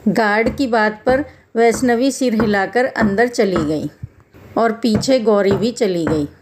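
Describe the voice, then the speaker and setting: A woman narrating a devotional story in a measured, dramatic manner. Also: mid-range voice, background noise.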